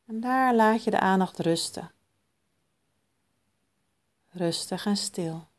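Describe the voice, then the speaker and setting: A woman guiding a mindfulness meditation in a soft, calm, soothing manner with long pauses. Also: mid-range voice. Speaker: meditation guide.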